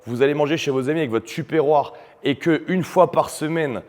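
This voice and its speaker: A man's voice: a little high, a little fast, a little mellow. Guy coaching on nutrition, blunt and fired up, lots of euhs, long reverb on the voice. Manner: blunt and combative, with frequent "euh" fillers. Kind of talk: opinionated video monologue.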